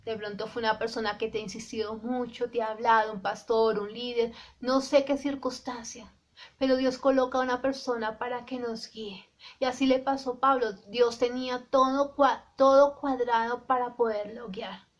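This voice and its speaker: A woman preaching a sermon with a fairly high voice. She speaks earnestly and straight to the listener, slowing down for quoted scripture and sometimes restarting a word. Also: flat delivery. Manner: earnest exhortation, addressing the listener directly; restarts and repeats words.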